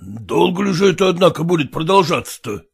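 A man voicing an agitated, domineering father who demands and shouts, in an audiobook reading. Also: fairly high pitch, very animated, fairly quick, creaky, slightly rough, exaggerated voice. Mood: demanding. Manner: blustering, demanding.

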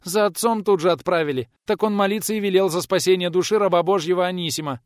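A male narrator voicing frightened, wailing peasant women in an audiobook, speaking high and shrill. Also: fast talker, clear, resonant tone, no echo, studio quality, natural voice. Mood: frightened pleading.

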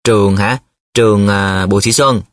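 A man's voice: lowish voice, lively intonation, normal speed, a bit bright, no echo, clean studio sound. A man voicing a flustered, secretive young male student in love who talks in a hesitant, defensive way, in an audiobook.

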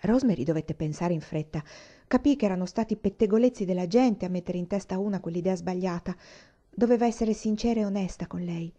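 A woman narrating a novel aloud in a measured, expressive audiobook reading. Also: medium pitch, lo-fi sound. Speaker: audiobook reader.

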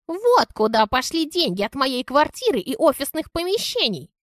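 A woman's voice: sits high, very animated, moderate pace, no room sound, studio quality, voice pushed up. A woman reading an audiobook, voicing an enraged older wife who screams insults. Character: furious older woman, shrill, hot-tempered.

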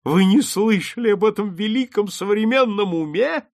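Guy putting on a gushy old lord, squeals up high, gravelly edges. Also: lively intonation, moderate pace. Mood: ecstatic. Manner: breathless, rising exclamations. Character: excitable old male English lord, gushing.

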